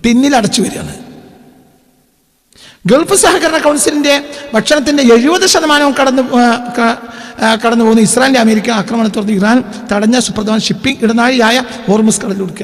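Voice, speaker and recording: Brief: male preacher, very high voice, rhetorical questions, reverberant hall. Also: moderate pace, creaky. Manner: animated, asks and answers his own questions; reads news reports aloud and explains them. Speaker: Islamic preacher. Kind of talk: sermon-style talk on current events.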